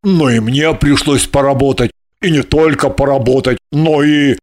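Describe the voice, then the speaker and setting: A man playing a rich older husband in an audiobook, talking slowly in a pleading, fretful way. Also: medium pitch, darkish tone, close to an everyday voice. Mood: fussy, pleading. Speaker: audiobook character.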